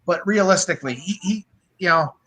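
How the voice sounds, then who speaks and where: Bright-voiced swearing hockey podcast man. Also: sits high, a little fast, poor audio. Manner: swears freely, rambling restarts. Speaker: podcast co-host. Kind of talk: casual hockey chat.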